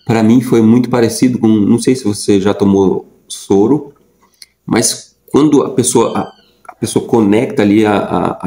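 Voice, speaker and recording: A man's voice: mid-range voice, warm tone, reverberant, low-quality recording. A young adult man telling a personal story in a casual, rambling way, with lots of fillers and repeated words. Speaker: vlogger.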